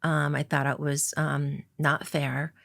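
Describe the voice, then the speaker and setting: A woman's voice: deep voice, level tone, slow, gravelly, a bit bright. A middle-aged woman from Idaho, an interview guest telling her story in an earnest, reflective way with many filler ums. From Coeur d'Alene reservation, Idaho, US. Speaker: interview guest, casino executive.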